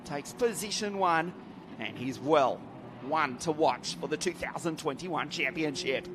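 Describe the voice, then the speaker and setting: A man's voice: fairly high pitch, lively intonation, a little slow, noisy background. A man doing live motorsport commentary as lead commentator, enthusiastic and chatty, laughing easily.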